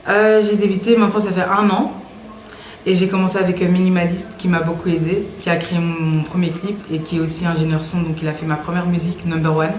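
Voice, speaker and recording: A young woman, a singer from Brussels, Belgium, talks fast in a fairly low voice while being interviewed casually about her music. A little hiss or hum sits under the audio in the echoey room, and she is relaxed and slangy, hesitating frequently.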